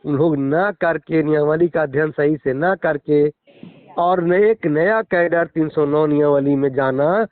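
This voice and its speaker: Over a narrow, tinny phone line, a middle-aged man with a Bihari accent, a schoolteacher, makes his case in a formal, emphatic interview. He speaks at a measured pace in a fairly high voice, with no room sound.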